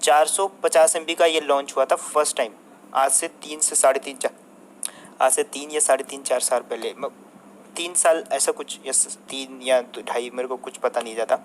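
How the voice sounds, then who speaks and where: A young streamer rants at a rival, combative and swearing heavily as he turns to his viewers now and then. His voice sits at a middle pitch, and a faint hiss of noise runs behind it. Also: steady tone, normal speed, poor audio. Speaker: mobile game streamer. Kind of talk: angry rant to viewers.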